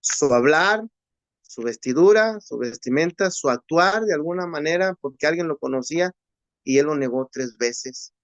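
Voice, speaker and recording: Preacher, male, storytelling sermon, slightly high voice, dull dry lo-fi recording. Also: lively intonation, normal speed, no echo. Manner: storytelling, acts out dialogue, asks listeners "¿verdad?". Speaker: youth preacher.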